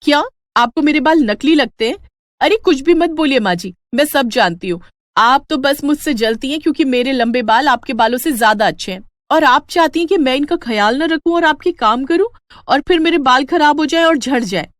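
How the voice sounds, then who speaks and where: A woman's voice: sits high, lively intonation, moderate pace, no room sound, studio quality, voice pushed up. A woman voicing a vain, touchy young daughter-in-law in a cartoon story, whiny and protesting. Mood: shrill, panicked.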